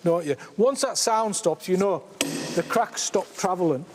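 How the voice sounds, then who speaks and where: A man's voice: high-pitched, lively intonation, moderate pace, heavy background noise. A man with a Cumbrian accent explaining his work casually as a miner, plain-spoken and a little hesitant. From Cumbria, England. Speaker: slate miner and mine owner. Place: inside an underground slate mine. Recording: reverberant underground space.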